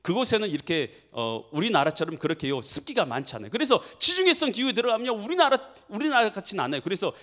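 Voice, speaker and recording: Casting: male pastor, high and very lively voice, dramatic storytelling sermon. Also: quick pace, few pauses. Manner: animated storytelling, acting out dialogue with big pitch swings.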